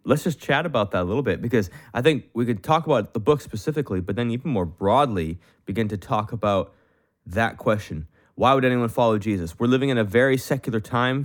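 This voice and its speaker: A man's voice: mid-range voice, fairly quick. A man hosting a faith podcast, chatting with his guest in an earnest, rambling way. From Canada. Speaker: podcast host. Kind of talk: casual interview chat.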